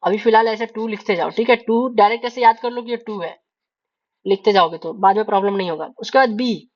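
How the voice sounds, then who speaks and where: A woman's voice: mid-range voice, a little fast. A woman teaching shorthand in a casual tutorial, explaining step by step and often saying "ठीक है". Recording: slightly dull lo-fi audio.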